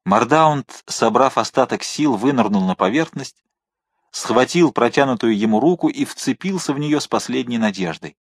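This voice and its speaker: A man's voice: mid-range voice, expressive, moderate pace, no echo. Man reading an adventure audiobook, dramatic, dry close mic. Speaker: narrator. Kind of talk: audiobook narration.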